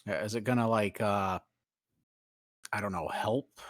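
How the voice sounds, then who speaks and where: A man's voice: on the low side, unhurried, fairly bright tone. A man playing a tabletop game who asks the game master questions and hesitates often. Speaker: player. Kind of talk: casual tabletop play.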